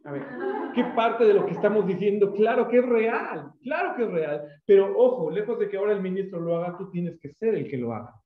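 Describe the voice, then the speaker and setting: Male pastor, Mexican Spanish accent, high-pitched and animated, story-driven sermon; echoey, tinny phone-quality sound. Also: fast, a crowd in the background. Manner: animated, acts out quoted voices. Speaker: pastor and teacher.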